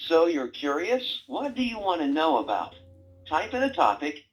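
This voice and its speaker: Voicing a male talking brain robot toy, a man with a fairly high, very animated voice speaks at normal speed, teasing its owner sarcastically and firing off bossy quiz questions. Soft music plays behind, and the recording is rough.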